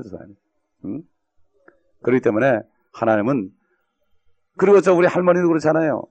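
A man's voice: on the high side, a little mellow, muffled recording. A man preaching a sermon as pastor, often tossing rhetorical questions to his congregation. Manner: gravelly, fast-talking, rhetorical questions to the congregation.

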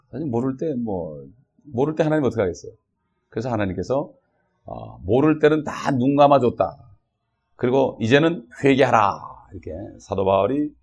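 A man delivering a sermon in a loose, conversational way. His voice is husky. He keeps turning to the congregation with short questions as he preaches. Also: mid-range voice, sing-song, normal speed, darkish tone, lo-fi sound. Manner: conversational preaching with frequent "어?" and "예?" checks. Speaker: pastor.

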